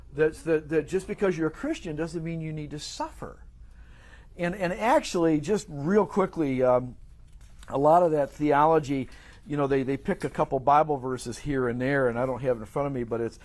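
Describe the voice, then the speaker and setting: A man teaching a Bible study class, talking off the cuff with many restarts and fillers. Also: mid-range voice.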